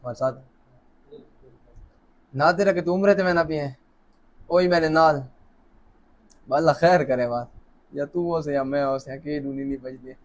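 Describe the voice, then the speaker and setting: A man's voice: fairly high pitch, a little slow, pauses often. Chatty man hosting a live draw. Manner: chatty, joking, warm greetings to viewers. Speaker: host of a live lucky draw. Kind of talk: casual live-stream chat, reading out names. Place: office, seated alone at a camera.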